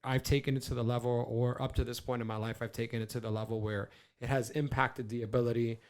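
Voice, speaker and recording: A man's voice: mid-range voice, little pitch movement, fast talker, a little mellow. A man in his forties co-hosting a podcast in casual chat, rambling and stammering with plenty of swearing. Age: 40s. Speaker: podcast co-host.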